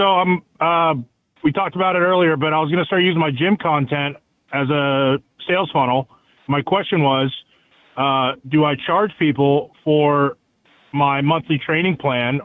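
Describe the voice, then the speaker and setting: A man's voice: a little high, steady tone, moderate pace, dry recording. A man calling in to a show, brief, agreeable and matter-of-fact in his answers. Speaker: caller. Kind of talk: phone call-in conversation. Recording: dry tinny phone line.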